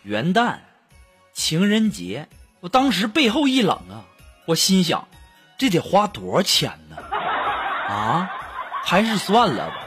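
A man's voice: high-pitched, wildly swooping pitch, unhurried, pauses often, over music. A man hosting a comedy show, telling self-mocking jokes in a chatty, laughing manner. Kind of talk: comic monologue with jokes.

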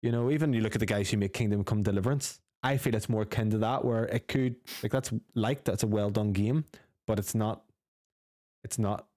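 Low-voiced opinionated podcast co-host man. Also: fairly even intonation, a little fast, mellow, no room sound, studio quality. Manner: opinionated, swears casually, reads news items aloud. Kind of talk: casual gaming chat.

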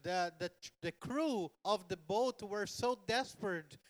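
Church interpreter, male, slow and smooth, fairly high voice. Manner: rephrases the preacher line by line, with small grammar slips. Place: church hall.

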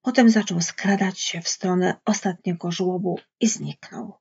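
A woman reading literary prose aloud in a measured storytelling manner, with a husky voice. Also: on the low side, steady tone, darkish tone. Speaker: audiobook reader. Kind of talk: literary narration. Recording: dull lo-fi recording.

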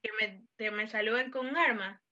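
A woman chats casually as a podcast co-host, playful and quick to act out other people. Her voice is bright and sits a little high. The recording sounds slightly dull and lo-fi. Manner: playful, acts out listeners' voices.

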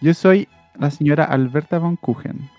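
A man's voice: on the high side, normal speed, highs cut off, soft background music, natural voice. A Chilean man voicing a sweet, affectionate elderly rich lady who hosts guests in a tabletop role-play, fussy and polite. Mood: doting.

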